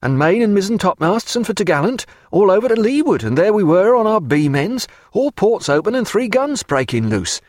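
Recorded very close and dry with no room sound, this audiobook character is an excited young naval officer of the sailing era. The male narrator plays him brisk and earnest, pitching the voice high with lively swings.

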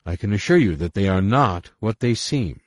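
A man's voice: low-pitched, expressive, darkish tone, slightly rough, no echo, studio quality. A man doing a firm, composed princess. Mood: resolute. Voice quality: measured, firm.

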